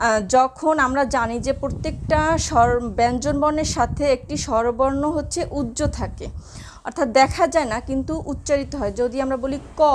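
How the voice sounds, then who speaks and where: Woman teacher, high voice, patient and repetitive, light background hiss. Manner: slow, repeats examples for students. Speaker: Bengali teacher. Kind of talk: classroom lesson on pronunciation.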